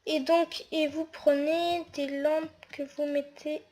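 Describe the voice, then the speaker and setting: A woman's voice: sits high, flat delivery, takes it slowly, darkish tone. A woman talking through a casual game tutorial while she builds, hesitant and full of fillers. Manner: hesitant, narrates actions with fillers.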